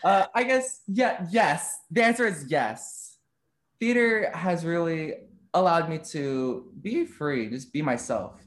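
A man's voice: fairly high pitch, expressive, slow. A young man in his twenties, talking openly and chattily as an interview guest and laughing often. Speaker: content creator being interviewed. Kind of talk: casual interview chat.

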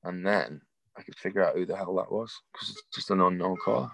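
A man's voice: low voice, fairly quick, gravelly, a bit bright, a little hiss or hum. A man, chatting casually and telling stories on a video call, swearing freely. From England. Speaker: show promoter on a video call. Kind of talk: casual chat.

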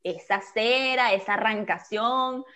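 A woman's voice: on the high side, takes it slowly, sharp tone. A woman with a Venezuelan Spanish accent, chatting casually and frankly as a co-host with laughing asides. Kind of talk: casual chat. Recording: dull lo-fi recording.

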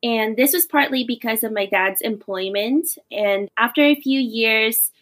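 A young Filipino teacher who is also a doctoral student appears as a guest on a podcast interview, earnestly telling her story. Her voice is a little high and a bit bright, and she speaks at a measured pace.

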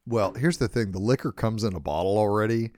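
A man's voice: on the low side, fairly quick, a little mellow, no echo, clean studio sound. A tipsy man co-hosting a podcast, rambling and stammering in casual chat and swearing a lot. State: tipsy from whiskey. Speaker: podcast co-host.

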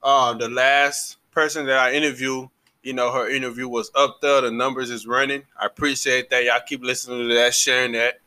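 Bright-voiced young male podcast host. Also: medium pitch, flat delivery, fairly quick, clean tone. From Liberia. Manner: laid-back, slangy, thanks listeners often. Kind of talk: casual podcast chat.

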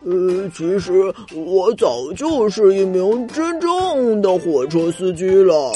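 A woman's voice: mid-range voice, very animated, pitched below the performer's own voice. A woman voicing a bumbling old male inventor who hesitates with "er" in a children's storybook reading, with music behind. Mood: calm. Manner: slow, hesitant, full of "er".

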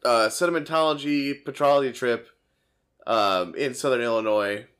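A young man from Michigan co-hosting a podcast, telling animated stories and swearing freely in a casual chat over beer. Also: mid-range voice, moderate pace, smooth. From Dearborn, Michigan, US. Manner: animated storyteller, swears freely, laughs often. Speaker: podcast co-host.

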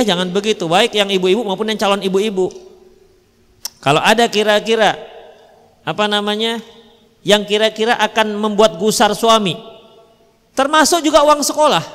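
Lively preacher with a Medan accent. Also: male voice, sits high. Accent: Medan Indonesian. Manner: lively storytelling, acting out dialogue. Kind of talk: religious lecture. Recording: reverberant hall.

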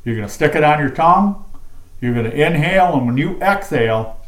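A man's voice: on the high side, animated, a little fast, fairly bright tone, echoey room. Folksy man explaining turkey calls. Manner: folksy, demonstrates calls with his mouth. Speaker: turkey calling expert. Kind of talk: casual instructional chat.

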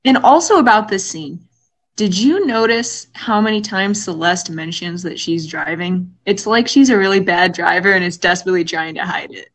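A woman's voice: fairly low pitch, normal speed. A woman co-hosting a podcast, chatting about a book in a casual, joking way. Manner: joking, playful. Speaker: podcast co-host. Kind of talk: casual humorous book discussion.

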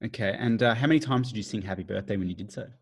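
A man's voice: on the low side, racing, breathy edge. A man improvising a defensive mid-forties husband who later plays a fussy hotline caller. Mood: officious. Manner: defensive, officious. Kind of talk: improvised comedy sketch.

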